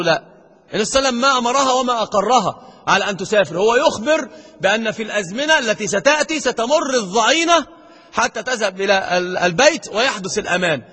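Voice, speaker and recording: A man with an Egyptian Arabic accent teaches grammar at a brisk, driving pace, his voice high and edged with husk. He keeps throwing questions at his students and slows down to stress each quoted verse. The sound rings with the long reverb of a lecture hall. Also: pushed and bright, slightly rough. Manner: quizzes the students with rhetorical questions. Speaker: Islamic scholar teaching grammar. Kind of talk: classroom lecture.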